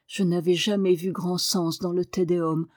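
Woman reader as a gruff old gardener man, hoarse, dry studio sound. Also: lowish voice, level tone, measured pace, a little mellow, no room sound, close to an everyday voice. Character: gruff old male gardener, moved despite himself.

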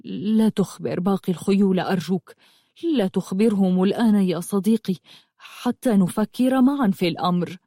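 A woman voicing an earnest adult horseman who speaks tenderly and in hushed tones to his beloved horse. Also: sits high, normal speed, no room sound, studio quality. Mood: trembling.

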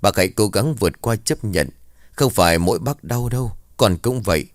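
A man's voice: lowish voice, animated, moderate pace, no room sound, clean studio sound, natural voice. A man voicing a young ritual master who earnestly consoles a grieving family.

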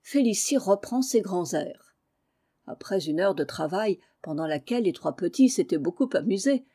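A woman reading a children's novel aloud in a measured, clear way. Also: medium pitch, dark tone. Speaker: reader. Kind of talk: storybook narration.

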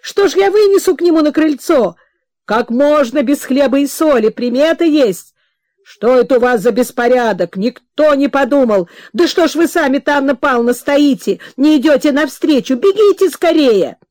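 A woman's voice: high-pitched, expressive, moderate pace, darkish tone, dry recording, voice pushed up. A woman doing a fussy, bustling old family friend. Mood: flustered scolding. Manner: bustling, scolding, exclaiming. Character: fussy middle-aged male family friend.

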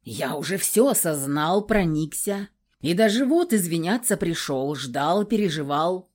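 A woman's voice: on the low side, animated, a little slow, darkish tone. A woman voicing a cocky young male warlock who talks smugly and without a care, in a read-aloud story. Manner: smug, drawling, unbothered.

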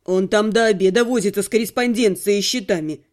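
A man's voice: high voice, brisk, close to an everyday voice. A man reading an audiobook voices a cautious, frank young male servant who speaks in a guarded, matter-of-fact way. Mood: wary.

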